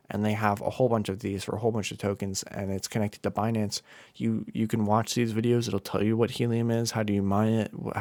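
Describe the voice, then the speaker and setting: A man's voice: fairly low pitch, darkish tone, no room sound. A tired young man casually talking his viewers through crypto price charts, rambling with fillers and restarts. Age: young adult. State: tired from lack of sleep. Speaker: crypto YouTuber. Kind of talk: casual screen-share commentary.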